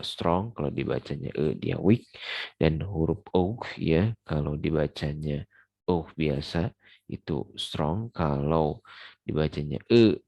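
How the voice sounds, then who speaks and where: Deep gravelly man teaching English. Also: dry recording, highs cut off. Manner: many fillers, mixes English terms into explanations. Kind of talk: casual recorded lecture.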